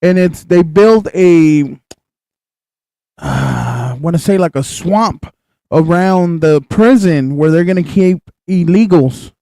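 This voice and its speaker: High, animated young man. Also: slow pace, dry recording. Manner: animated and excitable, swears freely. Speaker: co-host. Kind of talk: casual chat.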